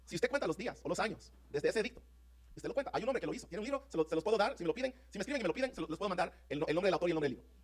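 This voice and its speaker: A man's voice: high-pitched, animated. A man preaching a sermon to his congregation as pastor, fervent and emphatic, often asking if they are with him. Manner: fervent, rapid preaching with rising emphatic peaks; addresses congregation as brothers, asks "¿están conmigo?". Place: church sanctuary.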